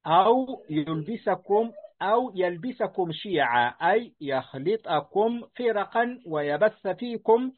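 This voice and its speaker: A man's voice: sits high, animated, takes it slowly. A man reading a classical text aloud to his teacher, answering his corrections politely and respectfully. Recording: tinny phone-like line.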